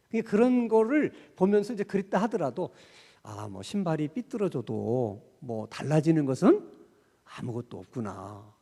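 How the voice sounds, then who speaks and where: A middle-aged man preaching a sermon at a Wednesday prayer meeting, speaking in a conversational way with rhetorical questions and gentle acted-out dialogue. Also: high-pitched, vocal fry. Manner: acts out gentle quoted dialogue. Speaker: pastor. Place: church sanctuary. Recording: long church hall reverb.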